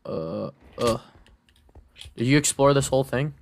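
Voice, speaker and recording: A man's voice: mid-range voice, expressive, measured pace, gravelly, slight background noise. A man playing Minecraft with a friend, joking and reacting casually as he plays. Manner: joking, playful, mutters reactions to the game. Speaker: Minecraft server player, channel host. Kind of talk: casual gaming chat.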